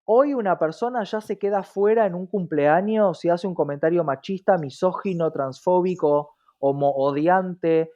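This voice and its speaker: As an interview guest, a woman with an Argentine accent and a lowish, dark-toned voice talks at a moderate pace with few pauses. She explains reflectively in a conversational way, often checking in with rhetorical questions, over lo-fi sound.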